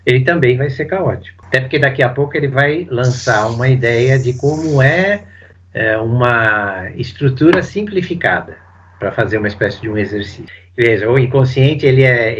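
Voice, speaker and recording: A man, a psychoanalyst, giving a casual spoken seminar commentary, animated and full of fillers. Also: mid-range voice, moderate pace, muffled recording. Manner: animated, uses lots of fillers and acts out quotes. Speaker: psychoanalyst teaching Lacan.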